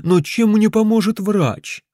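A man's voice: high voice, unhurried, dark tone, dry recording, studio quality, pitched above the performer's own voice. A man voicing a frantic middle-aged husband who runs a beach stand, pleading and whining in a desperate tone.

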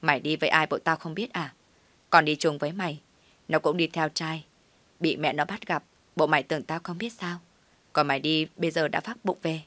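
A woman's voice: fairly even intonation, brisk, fairly bright tone, dry recording. A woman voicing a harsh, accusing middle-aged aunt who scolds her niece, in a dry, close recording. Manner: shrill, accusing, berating.

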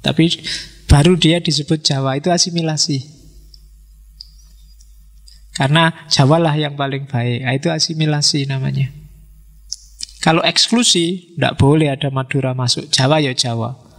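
A man with a lilt lectures on philosophy in an easy, talky way, often turning questions back on his audience. His voice sits a little high for a man. A long hall reverb trails behind each phrase. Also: normal speed, long pauses. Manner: relaxed, conversational, poses questions to listeners.

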